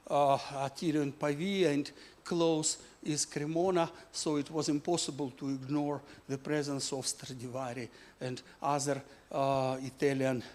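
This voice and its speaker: A man from Ukraine, presenting his physics book in halting full of "uh" fillers. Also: a little high, a little mellow. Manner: halting non-native English with many "uh" fillers.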